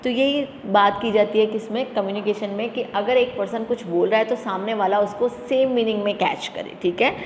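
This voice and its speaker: A woman teacher explaining a lesson to students, asking questions and answering them herself, and reading English definitions slowly. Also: medium pitch. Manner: addresses students as "beta". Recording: echoey room with faint background noise.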